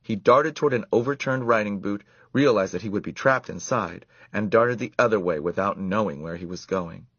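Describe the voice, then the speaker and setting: A man reading a children's story aloud in an expressive, animated way. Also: on the low side, moderate pace, hardly any pauses, husky, no echo. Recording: dull lo-fi dry recording.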